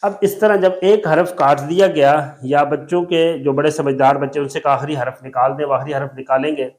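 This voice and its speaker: A man with a Pakistani Urdu accent teaching Quran recitation, drawing out single letters slowly and explaining patiently. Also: fairly high pitch, fairly even intonation, a little mellow. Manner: slow drawn-out letter demonstrations, patient explaining. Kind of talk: explanatory tajweed lesson.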